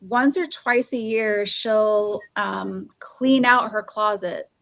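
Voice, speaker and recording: A woman's voice: medium pitch, takes it slowly, creaky, a bit bright, dry recording. A woman co-hosting a casual podcast chat, talking in loose, rambling sentences full of fillers. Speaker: podcast co-host. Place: Oklahoma, US.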